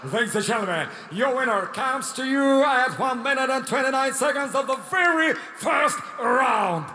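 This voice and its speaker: An older man with a Russian accent, working as a ring announcer with brash promoter hype and drawn-out shouted names. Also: very high voice, animated, faint music behind. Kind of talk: bilingual Russian and English fight announcing. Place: fight cage in a large indoor arena. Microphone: handheld microphone. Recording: arena PA with long hall reverb.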